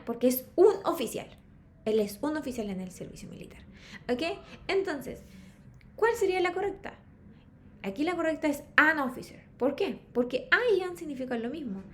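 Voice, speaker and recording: Teacher lady, high voice, swoops around a lot, keeps asking ok? ya?. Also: a little hiss or hum. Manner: lively, checks in with constant "¿ok?" and "¿ya?". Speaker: English teacher. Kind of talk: online class lecture.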